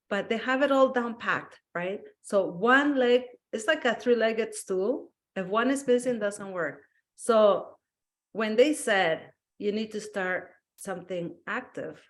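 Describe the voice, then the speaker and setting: Guest: lively woman from Peru, chatty storyteller, mid-pitched voice. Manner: animated storyteller, acts out quotes, laughs often. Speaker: guest, wellness business owner. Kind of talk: casual interview chat.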